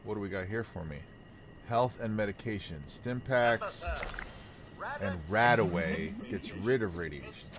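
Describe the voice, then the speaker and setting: A man's voice: on the low side, a little slow, a crowd in the background. A man livestreaming a co-op video game, reading in-game text aloud with small stumbles and chatty asides.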